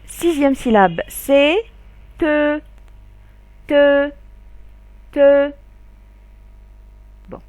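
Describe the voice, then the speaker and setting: Woman teacher, slow sing-song phonics drills, higher voice, dry room. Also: no echo. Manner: repeats each syllable slowly and loudly, stressing sounds. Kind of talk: slow, drawn-out phonics lesson for children.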